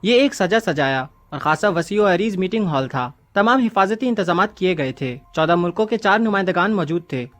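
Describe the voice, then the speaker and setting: A man narrating a spy novel in a steady, even audiobook reading. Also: high voice, moderate pace, few pauses, soft background music.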